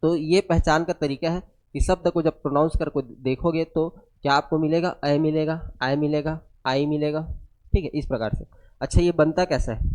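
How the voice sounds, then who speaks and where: A man giving a step-by-step grammar lecture, unwell and low on energy, asking the class questions and answering them himself. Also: fairly even intonation, moderate pace, darkish tone. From India. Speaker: grammar teacher.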